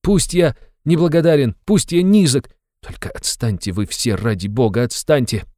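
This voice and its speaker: A man's voice: fairly low pitch, normal speed, a little mellow, no echo, studio quality, voice pushed up, lightly acted. A man voicing a sick, irritable young man who speaks with cold, strained bitterness. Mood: bitter weary.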